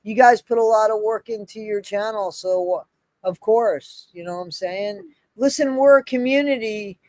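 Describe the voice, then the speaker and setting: A woman's voice: mid-range voice, moderate pace, a little mellow, dry recording. A woman chatting casually on a live stream as a channel creator, emphatic and repeating phrases for stress.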